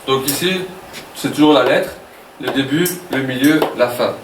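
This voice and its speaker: A male teacher from Wallonia, speaking with a Walloon Belgian French accent, guides a class through new material patiently, repeating and checking understanding with a joke now and then. His voice sits at an ordinary pitch. The mic catches him from a distance, in a classroom with a lot of echo and some faint noise. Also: normal speed. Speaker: Arabic teacher. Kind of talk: classroom lesson. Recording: echoey classroom from far off.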